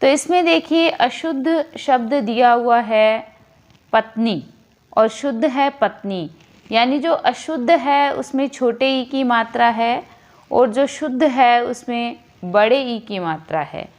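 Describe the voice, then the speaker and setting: A woman teacher explaining a grammar lesson slowly and deliberately, repeating each word as she corrects it. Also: a little high, darkish tone.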